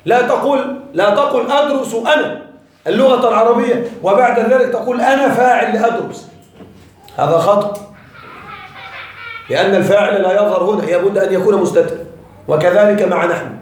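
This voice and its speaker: A man's voice: sits high, brisk, pauses often. A man teaching a grammar lesson to a class, often checking that the students follow and repeating his key points. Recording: very echoey room, voice far from the mic.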